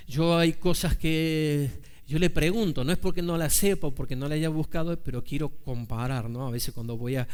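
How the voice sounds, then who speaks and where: A man preaching a sermon as pastor, talking to his congregation in a conversational way, asking rhetorical questions and slowing down to stress scripture quotes. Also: fairly high pitch.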